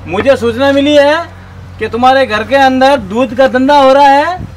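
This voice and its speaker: A man's voice: very high-pitched, normal speed, slight background noise. A man acting a bossy, threatening police constable in a rural comedy sketch, questioning a villager. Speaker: comic actor playing a police constable.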